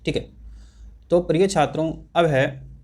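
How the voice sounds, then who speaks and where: A man with a fairly high voice teaches an exam-prep lesson. He goes over each point, repeats it and stresses it for his students. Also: fairly even intonation, measured pace, darkish tone. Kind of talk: exam-prep lesson explaining English grammar in Hindi.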